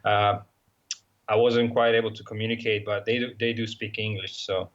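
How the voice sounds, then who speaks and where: An Italian man who travels by motorcycle is an interview guest, speaking in a fairly low, level voice at a moderate pace with a fairly bright tone. His casual talk is hesitant, packed with fillers and restarts, and the audio is lo-fi.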